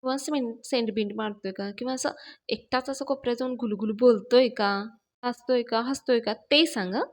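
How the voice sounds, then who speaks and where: A woman's voice: fairly high pitch, normal speed, lightly acted. A woman quoting a nosy, scheming village woman who presses for gossip. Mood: insistent prying. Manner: prying, insistent.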